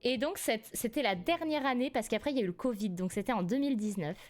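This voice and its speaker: A young woman from France in her twenties, streaming live and telling a family story in a casual, animated way, laughing often. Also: fairly high pitch, fast talker, faint music behind. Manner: animated, laughs often, rises sharply when indignant.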